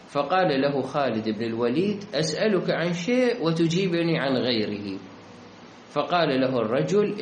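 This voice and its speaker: Guy teaching a class, bouncy lively voice, walks thru each example, roomy echo. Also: fairly high pitch. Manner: explains each example by restating the question and answer. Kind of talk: explaining a lesson. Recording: echoey room with faint ambient hum.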